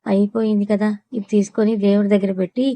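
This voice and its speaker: A woman lends her voice to a stern old grandmother who runs the household with scolding commands. The tone is very dark and mellow, with barely any rise or fall in pitch. This is an audio storybook. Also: flat delivery, quick pace, lightly acted. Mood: bossy.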